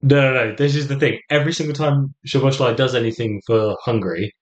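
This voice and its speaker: English male co-host, playful and ribbing, average pitch, dull lo-fi audio. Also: fast. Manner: teasing, jokey, lively pitch swings. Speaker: podcast co-host. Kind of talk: casual chat. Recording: slightly dull lo-fi sound.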